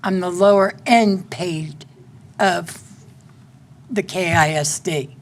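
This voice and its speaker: A woman in her sixties with a Central Texas accent speaks slowly in a lowish voice. During public comment at a city council meeting, she pleads plainly into a podium microphone.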